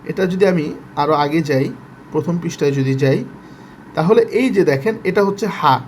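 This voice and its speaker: High-voiced patient male reading teacher. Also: expressive, slight background noise. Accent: Bangladeshi Bengali. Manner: patient, repeats letters slowly and drills syllables. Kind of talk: step-by-step reading lesson.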